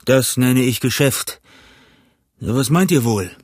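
A cunning older pirate cook lectures his crew in a gruff, blustering voice, as a man reads him in an audiobook. The pitch sits mid-range for a man, and the recording is dry with no room sound. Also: lively intonation, takes it slowly, darkish tone, no echo. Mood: scheming. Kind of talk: audiobook reading.

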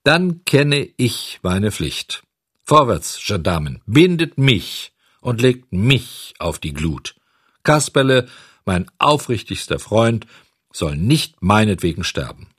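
A man voicing a brave wooden puppet boy in a high, thin, pleading voice while reading a storybook aloud. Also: very animated, a little slow, breathy edge, exaggerated voice. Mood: proud.

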